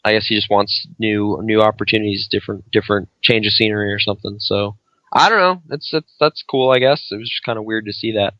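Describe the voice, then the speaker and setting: A man's voice: on the low side, fast, no room sound. A tipsy man co-hosting a podcast, hesitant and full of ums as he chats casually. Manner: hesitant, lots of ums, mumbling. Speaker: podcast co-host. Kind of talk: casual drunk podcast chat. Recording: dull dry lo-fi mic.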